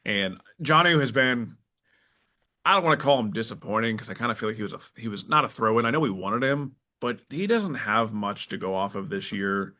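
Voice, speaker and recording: A man co-hosting a sports podcast in casual chat, animated and full of quick restarts. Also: on the low side. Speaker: podcast co-host. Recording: dull lo-fi podcast audio.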